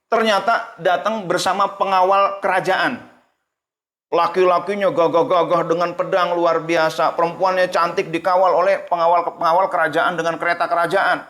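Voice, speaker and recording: A man teaching a religious study class in a lively, colloquial storytelling manner, acting out the characters. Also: high voice, moderate pace. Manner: casual colloquial speech. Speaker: Islamic teacher.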